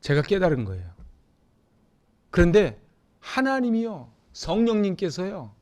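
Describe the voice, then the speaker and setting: A middle-aged Korean man from Seoul preaching a Sunday sermon as pastor, talking with the congregation and swinging between loud emphatic peaks and hushed, near-whispered asides. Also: sits high, big pitch swings, a little slow. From Seoul, South Korea. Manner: conversational, asks the congregation questions.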